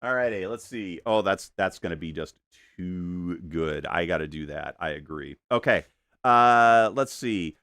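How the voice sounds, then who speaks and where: A middle-aged man paints on a live stream, chatting casually into a desk microphone in his home studio. His low voice is fairly bright, unhurried and lively in intonation, with no room sound. He rambles, interrupts himself, chuckles and often stammers into restarts.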